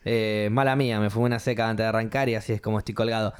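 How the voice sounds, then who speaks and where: A man's voice: fairly low pitch, fairly even intonation, very fast, clean tone. An Argentine man hosting a podcast, joking and arguing playfully in casual chat. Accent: Argentine Rioplatense. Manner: joking, argumentative banter. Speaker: podcast host.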